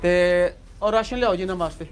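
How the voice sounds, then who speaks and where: A Pakistani man on a charity visit hands out aid and earnestly repeats his reassurances in an on-site vlog. He talks fast in a high voice, with faint music behind him.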